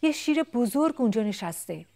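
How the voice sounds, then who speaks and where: A woman voicing a small, timid bee-eater chick in a high, childlike, pleading voice. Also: animated, lightly acted. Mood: alarmed.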